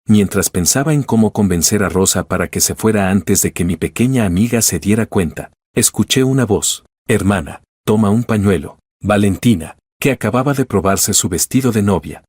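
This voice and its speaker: A man with a low, somewhat husky voice reads a romance tale in the first person, steady and measured. The sound is close and dry, with no room around it. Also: dry recording. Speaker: narrator. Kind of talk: first-person scripted story narration.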